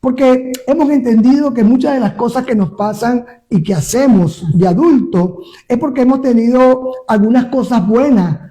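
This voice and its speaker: A man with a strikingly high voice and a soft, dark tone leads a live-streamed radio program as pastor and host. He reads scripture with fervent emphasis and speaks warmly to listeners between passages. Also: normal speed, hardly any pauses, poor audio. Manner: preaching, emphatic scripture reading. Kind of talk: radio interview with sermon reading. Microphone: live stream via phone.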